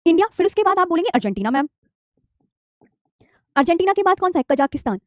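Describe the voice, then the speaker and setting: A woman's voice: very high voice, very fast, no room sound. A woman in her thirties teaching a geography lesson, coaxing her students, repeating key terms and asking them to say them along. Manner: calls students "dear children", mixes English terms into Hindi. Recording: dry, slightly dull lo-fi mic.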